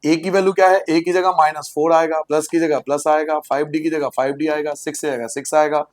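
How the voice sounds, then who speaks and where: A man with a high voice teaches a maths lesson to a class of students. He walks through each step out loud, asking questions and then answering them himself in a repetitive, sing-song way. He keeps the tone playful and jokes with the class now and then. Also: flat delivery, fast.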